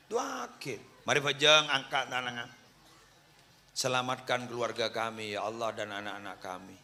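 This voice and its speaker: Man, preacher, humorous sermon, leads prayers, forceful bright tone, slightly raised pitch. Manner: jokes with the crowd and leads prayers aloud. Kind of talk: humorous religious lecture with prayers.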